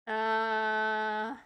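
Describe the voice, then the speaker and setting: A woman's voice: a little high, fairly bright tone, smooth. A young adult woman hosting a live stream, chatting casually and teasing, laughing often. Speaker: livestream host.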